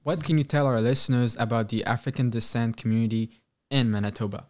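A man hosting a radio interview, asking long questions in a halting way with fillers. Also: mid-range voice, fairly even intonation, darkish tone. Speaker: radio host.

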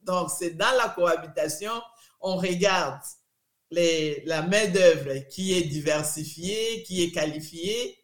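A middle-aged woman with a Congolese French accent, speaking with deliberate emphasis and frequent restarts. Her voice carries a noticeable room echo, as if recorded in an open space. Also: fairly low pitch. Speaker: interviewee, immigrant community advocate. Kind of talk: earnest interview answer. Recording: roomy echo.

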